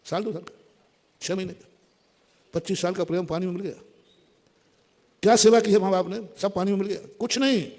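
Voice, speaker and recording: A man's voice: sits high, steady tone, fairly quick, long pauses. Man preaching a sermon in a reverberant hall. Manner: emphatic, repeats exhortations, swings between loud urging and soft pleading. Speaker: spiritual guru.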